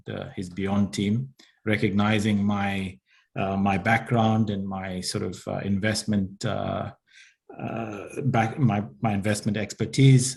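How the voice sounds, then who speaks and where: Guy on a video call, kinda low voice, lots of uhs and ums. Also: creaky, darkish tone. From South Africa. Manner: hesitant, many filler sounds. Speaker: webinar presenter, investment advisor. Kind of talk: online business webinar talk. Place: home or office in London, remote.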